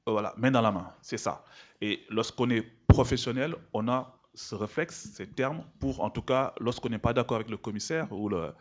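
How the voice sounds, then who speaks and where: A man giving a conference talk to professionals, deliberate in his delivery. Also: fairly low pitch, lo-fi sound. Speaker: conference speaker.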